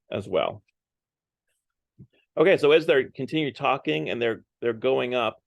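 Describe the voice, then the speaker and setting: A man's voice: mid-range voice, creaky, no echo. A man leading a parish Lent series, giving a casual talk and often checking in with "right?" and "like". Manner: conversational, often adds "right?" and "like". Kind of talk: casual Lenten talk on a book.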